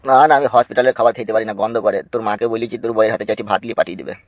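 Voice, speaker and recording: A man's voice: on the low side, fairly even intonation, very fast, no echo, muffled recording, natural voice. A man voicing a worried old father lying wounded in hospital, pleading for caution in a weary way, in a comic cartoon.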